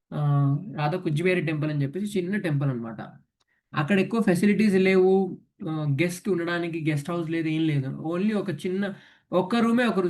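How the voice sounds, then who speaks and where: High-voiced man telling a story. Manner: animated storyteller, mixing English words into his talk. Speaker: devotional class teacher. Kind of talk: storytelling class talk.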